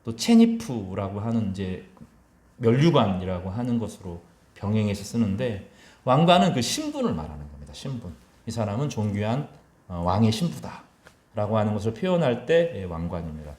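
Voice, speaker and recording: A man, a pastor, preaching a sermon in a church, acting out quotes in lively voices and dropping to soft asides. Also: moderate pace, roomy sound. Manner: animated, acts out mocking voices and quotes; mixes loud rising quotes with soft low asides. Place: church sanctuary.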